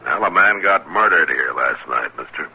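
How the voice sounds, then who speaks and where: An actor playing a stern, steadfast frontier marshal, terse and authoritative, in an old radio western. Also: male voice, extremely low pitch, expressive, moderate pace, bright, forceful tone, slightly rough, full character voice. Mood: terse, guarded. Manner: terse, plain-spoken, authoritative. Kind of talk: 1950s radio western acting. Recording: noisy old radio recording with clicks.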